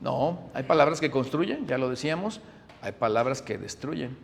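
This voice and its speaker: A middle-aged man, preaching a sermon, animated, moving between loud emphasis and hushed asides. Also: medium pitch, normal speed, gravelly, big-room sound. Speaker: pastor.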